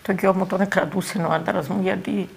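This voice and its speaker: An older woman with a Cypriot Greek accent gives eyewitness testimony. Her voice is strongly gravelly and husky, sitting at a middle pitch. She speaks haltingly and circles back over the same words. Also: fairly even intonation. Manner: halting, repeats words and phrases. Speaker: eyewitness interviewee.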